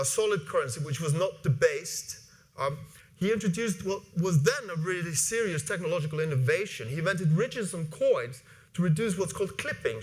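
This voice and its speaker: A man in his forties from Iceland, giving an animated conference talk from a stage, with many fillers and restarts. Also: high voice. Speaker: conference speaker. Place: large conference hall with audience. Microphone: lapel mic.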